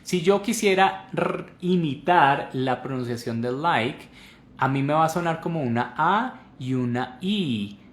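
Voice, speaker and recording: A man's voice: a little high, animated, unhurried. Man teaching pronunciation in an echoey room. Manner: explanatory, repeats words to demonstrate sounds. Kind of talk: live online class.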